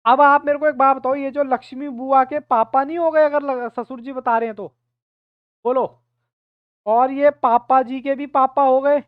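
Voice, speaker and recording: A man's voice: very high-pitched, little pitch movement, normal speed, clean tone, dry recording. A male teacher giving an online reasoning class, explaining step by step and keeping at his students to answer. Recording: tinny phone-like dry sound.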